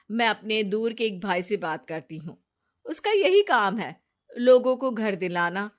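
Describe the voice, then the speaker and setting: A woman voicing a scheming young woman who sweet-talks her friend, in a storybook drama. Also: mid-range voice.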